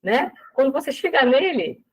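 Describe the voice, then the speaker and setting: A woman's voice: high voice, sing-song, moderate pace, rough recording. A woman with a Brazilian Portuguese accent giving a conversational live talk to an audience, with frequent fillers and tag questions. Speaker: speaker giving a talk on self-sabotage.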